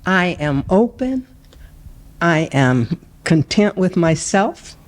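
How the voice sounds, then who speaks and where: A woman's voice: lowish voice, sing-song, slow. Cheerful woman in her sixties. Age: 60s. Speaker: contestant. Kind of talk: casual chat.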